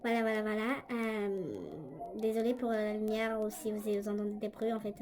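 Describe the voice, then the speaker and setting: A woman's voice: medium pitch, little pitch movement, moderate pace, a crowd in the background. A young woman casually telling a story for her vlog, chatty and hesitant with many fillers, recorded on a tablet indoors. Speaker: vlogger. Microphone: tablet microphone.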